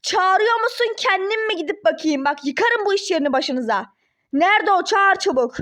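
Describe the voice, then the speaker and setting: A woman voicing a furious young ex-wife in a toy-game role-play drama, shouting threats and cursing. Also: extremely high pitch, lively intonation, normal speed. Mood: demanding.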